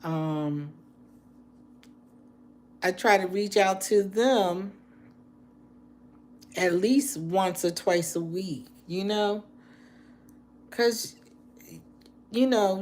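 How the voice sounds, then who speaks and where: A woman's voice: mid-range voice, a little mellow. A woman in her late sixties chatting casually with live-stream viewers, earnest and heartfelt, repeating phrases for emphasis. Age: 60s. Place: indoors, apartment.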